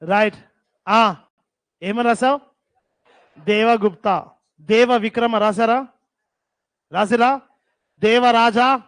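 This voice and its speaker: A high-voiced male teacher dictates notes to his class in a slow, deliberate way. He repeats each term several times and scolds the students with a teasing edge. The recording is dry and close. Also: a bit bright, dry recording.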